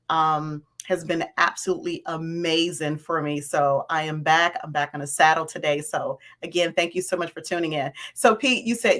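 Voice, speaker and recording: A woman with a raspy voice hosting a live stream, greeting viewers by name and repeating her points. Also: fairly low pitch, fairly bright tone. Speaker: host of a livestream on landlord and tenant topics.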